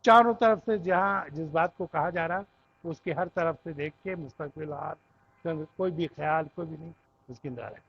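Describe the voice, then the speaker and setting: Male grammar teacher from Pakistan, patient lecturing manner, lighter pitch, muffled recording. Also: gravelly, slightly rough. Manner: explains patiently, often checks with "theek hai?". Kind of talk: classroom lecture.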